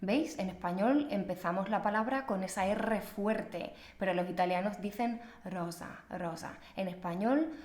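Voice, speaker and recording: A young woman from Extremadura with an Extremaduran Spanish accent, teaching in a chatty, playful, self-mocking way. Her voice sits at an ordinary middle pitch. It rings in an echoey room. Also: normal speed, hardly any pauses, darkish tone. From Extremadura, Spain. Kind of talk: casual teaching video.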